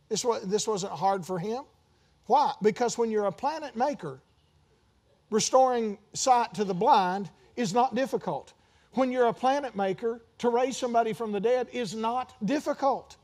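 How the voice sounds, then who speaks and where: A man with a high, light voice preaches a sermon. He talks it through like a conversation, then climbs into loud, emphatic runs and drops back to asides. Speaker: pastor.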